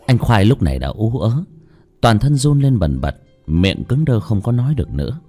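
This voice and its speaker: A man's voice: lowish voice, very animated, normal speed, warm tone. A man narrating a horror story in a dramatic, suspenseful way. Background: faint music.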